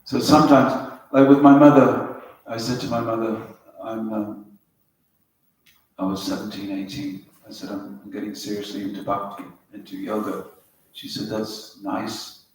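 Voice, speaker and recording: This middle-aged man from Wales speaks at a moderate pace in a fairly low voice with little pitch movement. As a spiritual teacher, he's giving a story-filled talk to a small group in a yoga center hall, tracing words step by step. The recording is roomy and distant, with a faint hiss.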